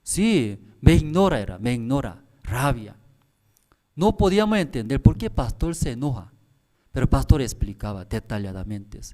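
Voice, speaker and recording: Male pastor, sermon delivery, lively swooping intonation, repetitive and pleading. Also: medium pitch. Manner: repetitive, pressing rhetorical questions to the congregation; halting, broken phrasing. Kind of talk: sermon at a prayer service.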